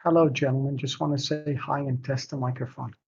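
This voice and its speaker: Husky-voiced man in a lo-fi voice chat. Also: mid-range voice, steady tone, darkish tone. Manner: halting, with frequent restarts and cut-off words. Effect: voice heard through a group voice chat. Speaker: market commentator in a trading chat room. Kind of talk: spoken market rundown. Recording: dull lo-fi voice chat mic.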